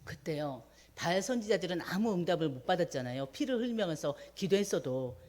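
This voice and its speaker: A woman preaching a midweek sermon, retelling a scripture story with animated voices for the quoted prayers. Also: on the low side, brisk.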